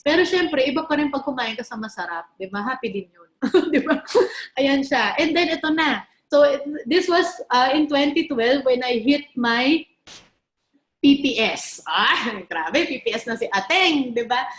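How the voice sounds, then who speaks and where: Her high, animated voice unhurried and reverberant, a woman around thirty talks to a live crowd about network marketing. The tone is motivational and chatty as she shares stories, mixes in English, and puts questions to the audience.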